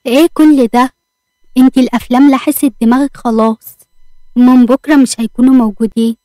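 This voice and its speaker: A woman's voice: high-pitched, fairly even intonation, fast, mellow, no echo, natural voice. A woman with an Egyptian accent voicing a playful, teasing young husband in a read-aloud romance story. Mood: protesting.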